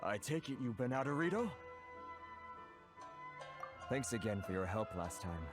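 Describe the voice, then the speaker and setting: Low-voiced, hapless anxious merchant. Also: male voice, sing-song, a little slow, music in the background. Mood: polite. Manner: hesitant, sighing, self-pitying. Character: anxious foreign merchant man, hapless, polite, grumbling. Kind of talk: English-language anime video game voice acting.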